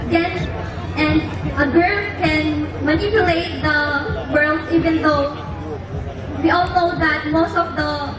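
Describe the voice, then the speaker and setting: A young woman giving an earnest, halting pageant answer onstage. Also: high-pitched, steady tone. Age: young adult. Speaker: pageant contestant. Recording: echoey distant mic, noisy crowd.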